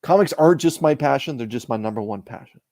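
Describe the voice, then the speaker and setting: A man's voice: medium pitch, expressive, quick pace, mellow. A Canadian man, a guest on a live stream, chatting casually and rambling with repeated starts. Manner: rambling, repeats and restarts words.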